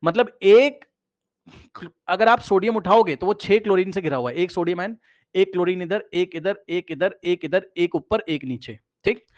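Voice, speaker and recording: A man teaching chemistry in a casual classroom manner, repeating key phrases and checking in with his listeners, often dropping quieter as he points at the screen. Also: high voice, normal speed. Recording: slightly dull, lo-fi recording.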